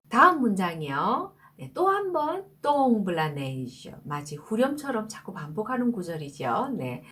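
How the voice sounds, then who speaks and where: Slow, careful woman teaching French pronunciation. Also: medium pitch. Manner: slow, careful, repeats words for practice. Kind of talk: pronunciation lesson.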